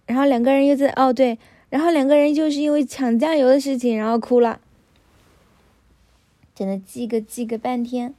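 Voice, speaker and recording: A woman's voice: high-pitched, steady tone, moderate pace, pauses often, dark tone. A woman, telling family stories in a casual chat and often asking the listener if they follow. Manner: chatty, often asks the listener "you know?".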